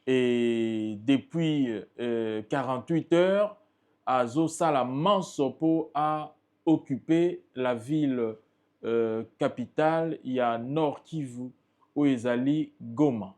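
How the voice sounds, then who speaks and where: A man's voice: mid-range voice, slow, darkish tone. A man with a Congolese French accent, speaking as a political spokesperson in an interview, emphatic and impassioned. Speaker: political party spokesperson, guest.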